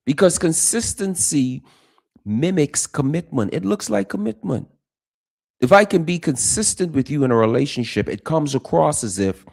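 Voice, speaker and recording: A man's voice: medium pitch, darkish tone. A man hosting a casual relationship advice talk, emphatic and addressing listeners directly. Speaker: podcast host.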